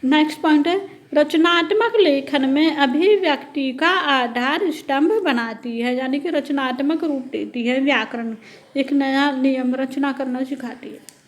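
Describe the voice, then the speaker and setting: A woman with a high voice teaches an exam-prep lecture in a conversational tone. She reads out each point slowly and then races ahead to explain it. She keeps checking that her listeners are following.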